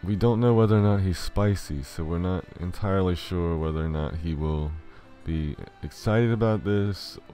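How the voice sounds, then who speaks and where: Deep-voiced man doing game commentary. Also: normal speed, hardly any pauses, dark tone, faint music behind. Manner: reads game dialogue aloud in playful voices; dry, sarcastic asides. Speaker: let's play host.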